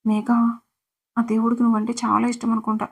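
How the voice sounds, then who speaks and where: A woman's voice: a little high, monotone, fast, creaky, breathy edge. A woman narrating a serialized romance story, reading every character's lines in much the same voice.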